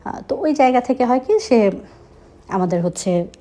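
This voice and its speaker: A woman's voice: fairly high pitch, expressive, normal speed, dark tone. A young woman from Chittagong with a slight Chittagong Bengali accent, telling a first-person story in a conversational way with frequent hesitations. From Chittagong, Bangladesh.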